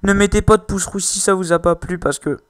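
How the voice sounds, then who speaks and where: A young man talks casually to his audience, hesitant and apologetic, pausing often with fillers. His voice is smooth and clear, and the recording is dry and close with no room sound. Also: high voice, no echo. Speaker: gaming video creator. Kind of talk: casual video outro.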